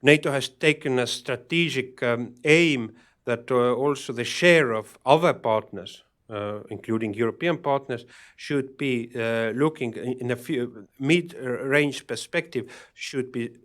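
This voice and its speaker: A man at a public panel answers questions from the audience. He speaks haltingly and fills his pauses with frequent hesitations and false starts. His voice sits at a middling pitch. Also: fairly bright tone. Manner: halting, many fillers and restarts. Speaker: panel speaker on security policy.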